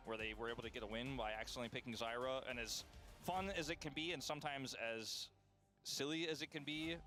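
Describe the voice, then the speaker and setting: A man's voice: mid-range voice, bright, forceful tone. Man calling an esports match, music behind. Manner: explains rules at length, playful asides. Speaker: esports caster. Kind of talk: play-by-play commentary.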